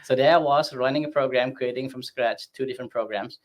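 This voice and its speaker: This middle-aged Malaysian man, dean of a hospitality school, answers an interview question by telling his career story. His mid-range voice moves fairly quickly, and he's chatty and self-deprecating, acting out the voices he quotes.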